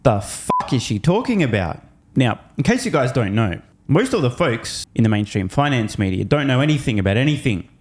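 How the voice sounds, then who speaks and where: A man's voice: medium pitch, sing-song, brisk. A man giving informal reaction commentary as a host, sarcastic and scornful, swearing freely and asking mocking rhetorical questions.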